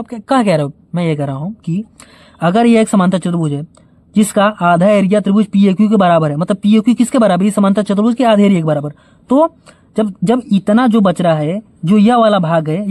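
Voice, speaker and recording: A man's voice: high-pitched, a little mellow, no room sound. A man teaching a school maths lesson, explaining step by step, asking rhetorical questions and encouraging his students in a casual way. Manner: encouraging, informal sign-off.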